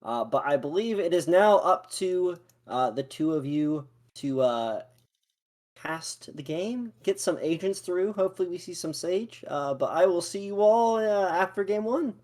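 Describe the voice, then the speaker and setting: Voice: mid-range voice, expressive, a little slow, darkish tone. Casual esports desk analyst. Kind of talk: casual pre-match analysis.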